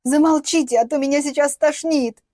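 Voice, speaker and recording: A woman's voice: fairly high pitch, animated, normal speed, darkish tone, no room sound, studio quality. A woman voicing a bitter, defiant young woman who sneers and speaks vehemently, in an audiobook. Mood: furious.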